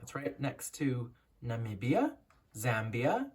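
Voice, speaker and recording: With big swings in pitch, a mid-range, lightly husky voice reads a picture book to children. The educator tells the story in a teaching style, stressing words deliberately.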